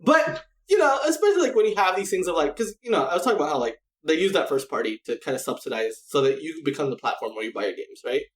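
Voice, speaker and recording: A man talks casually on a gaming podcast, his pitch swinging widely as he rambles and restarts his sentences. He keeps asking "right?" and "you know?" as he goes. The room around him sounds echoey. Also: sing-song, fast, few pauses. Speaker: podcast co-host.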